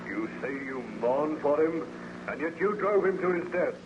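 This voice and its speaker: An actor playing a stern, grave ship captain with a reluctant streak of pity, in formal, theatrical 1930s radio style. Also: male voice, fairly high pitch, expressive, normal speed, lo-fi sound, natural voice. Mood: stern, accusing. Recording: very noisy old-time radio recording.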